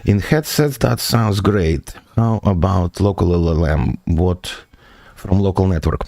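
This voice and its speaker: A man streaming as a software developer, walking through his project step by step, answering viewer questions with frequent hesitations. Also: deep voice, measured pace, vocal fry, no room sound. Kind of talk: live stream tech walkthrough.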